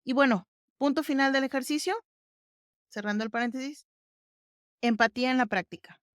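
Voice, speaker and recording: A woman's voice: high-pitched, moderate pace, dry recording, studio quality. A woman hosting a podcast, explaining exercises step by step in a casual, conversational way. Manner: explains step by step, conversational, warm fillers like "ujú". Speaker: podcast host.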